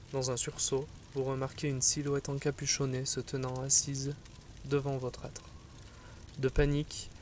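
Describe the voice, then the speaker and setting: A man reading a scripted second-person fantasy tale as narrator, in a measured, solemn storytelling manner. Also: mid-range voice, a little hiss or hum.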